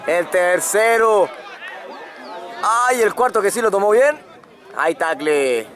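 A high-pitched man calls a rugby match live from an outdoor ground, taking it slowly yet getting excitable and rising on breaks. The crowd and field can be heard behind him.

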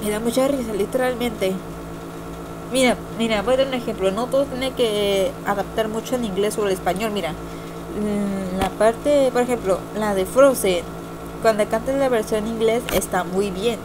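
On a noisy amateur home computer recording, a young woman vlogs her opinions as an amateur video reviewer. She talks at a moderate pace in a medium pitch, rambling and hesitating and frequently saying things twice.

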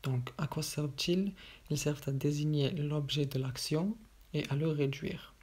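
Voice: mid-range voice, normal speed, darkish tone, slightly rough. A teacher giving a voice-over grammar lesson, working methodically through each example with a question and its answer. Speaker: French teacher.

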